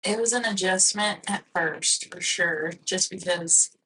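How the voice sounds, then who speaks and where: A woman's voice: lowish voice, a little slow, pushed and bright, breathy edge, rough recording. A woman guest on a podcast speaking candidly and matter-of-factly in a casual chat.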